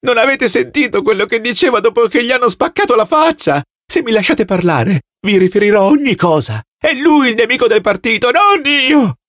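Shrill, desperate prisoner. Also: male voice, expressive, moderate pace, few pauses, fairly bright tone, dry recording, studio quality. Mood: frantic shrieking. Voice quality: shrill pleading cries. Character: terrified starving male prisoner begging for mercy.

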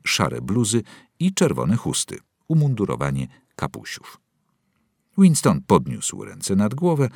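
A man narrating a novel aloud in a dramatic, expressive reading. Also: lowish voice, gravelly, husky, no room sound, studio quality. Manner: dramatic, wide-ranging delivery. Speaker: audiobook narrator.

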